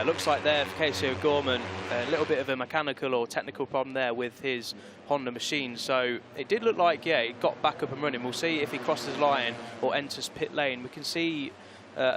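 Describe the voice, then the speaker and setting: A man's voice: medium pitch, noisy background. A man giving live motorcycle race commentary in a conversational motorsport commentator manner. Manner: motorsport commentator delivery, conversational with tag questions.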